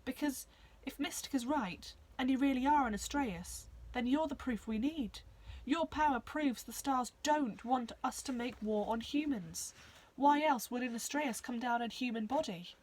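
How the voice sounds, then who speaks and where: A bold young hoofed alien girl argues her case fast and fiercely, as a woman puts her on. The voice sits high above a storyteller's own and comes out loud and forceful, pressing every point. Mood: urgent. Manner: urgent, persuasive. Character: brave determined young female alien creature with hooves.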